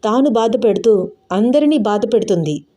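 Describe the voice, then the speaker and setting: A woman's voice: a little high, lively intonation, normal speed, mellow, close to an everyday voice. A woman voicing a stern, protective young man who speaks seriously and firmly. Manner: serious, firm.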